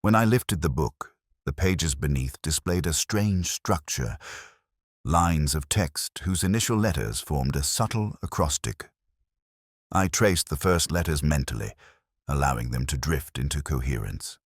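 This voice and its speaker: An audio drama narrator with an extremely deep male voice tells a detective mystery in the first person. He sounds solemn and measured, his pitch moving lively through carefully literary sentences, recorded close and dry with no room echo.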